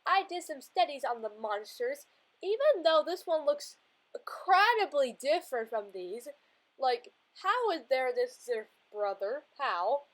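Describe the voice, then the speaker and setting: Narrating her drawing casually, this young art vlogger sketches in a sketchbook and speaks unhurriedly in a high voice with big pitch swings. She giggles a lot and describes everything as little and cute, though the audio is poor.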